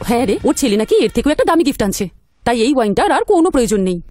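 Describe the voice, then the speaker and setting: Brief: actress as gossiping scheming wife, young woman, high voice, faint music bed. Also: sing-song, very fast, a little mellow. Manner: conspiratorial, sly.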